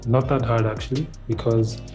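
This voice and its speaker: A man's voice: mid-range voice, steady tone, moderate pace, music in the background. A man of twenty-two chatting as a guest, easygoing and laughing as he talks. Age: 20s. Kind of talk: casual chat.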